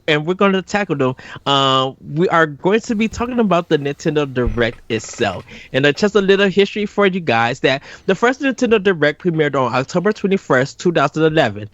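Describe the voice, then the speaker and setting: A man's voice: a little high, a bit bright, dry recording, dull audio. A man hosting a podcast discussion in a semi-scripted style. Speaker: podcast host.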